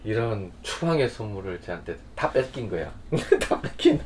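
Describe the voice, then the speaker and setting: Animated man preaching a sermon. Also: lowish voice, moderate pace, a little hiss or hum. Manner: animated, conversational preaching with frequent "어?" prompts; swings between loud bursts and quiet asides. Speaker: pastor.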